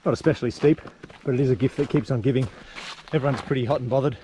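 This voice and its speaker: Racing along in a medium-pitched, dark-toned voice, a man narrates a casual travel vlog from a tour spent mostly outdoors. He stays wry and understated but clearly appreciative, and the handheld outdoor recording includes ambient noise.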